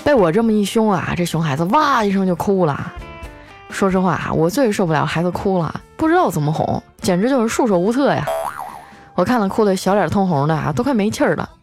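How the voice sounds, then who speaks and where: A woman's voice: mid-range voice, big pitch swings, brisk. A woman hosting a comic storytelling show, chatty and playful, drawing out the ends of her sentences. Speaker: radio-style comedy host. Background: faint background music.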